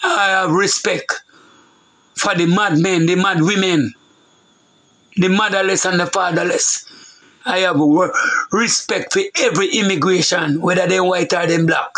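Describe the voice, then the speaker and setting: A man's voice: sits high, fairly even intonation, measured pace, fairly bright tone, low-quality recording. A middle-aged Jamaican man with a Jamaican accent, preaching in an emphatic, repetitive way in patois. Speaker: preacher on a talk show. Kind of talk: loose preaching monologue.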